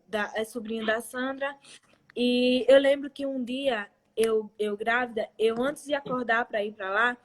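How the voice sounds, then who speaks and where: A young Brazilian woman, a missionary, giving an emotional church testimony, halting and repeating herself as she speaks. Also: high-pitched. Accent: Brazilian Portuguese. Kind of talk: testimony talk at a church live event.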